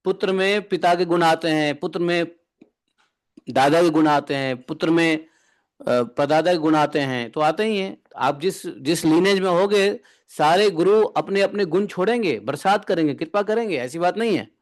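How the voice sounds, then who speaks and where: A man's voice: a little high, normal speed. A man giving a devotional discourse as a spiritual teacher, bantering and often asking his listeners rhetorical questions.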